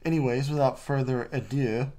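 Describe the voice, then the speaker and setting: A man's voice: mid-range voice, fairly even intonation, normal speed, dark tone, a little hiss or hum. A man recorded too close to the mic, hosting a casual vlog voice-over in a rambling, jokey way. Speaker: vlog host.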